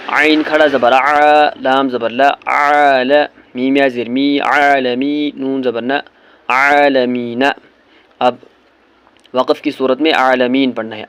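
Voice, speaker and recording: A man teaching beginners Quran reading, spelling Arabic letters and syllables one by one, then reciting the words slowly and drawn out, with patient explanations in between. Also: mid-range voice, smooth.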